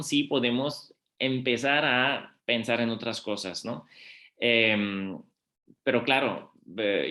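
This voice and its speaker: A man's voice: mid-range voice, sharp tone. Thoughtful male lecturer, conversational academic talk. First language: not Spanish. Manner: thoughtful, addresses the audience with tag questions. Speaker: university lecturer answering panel questions.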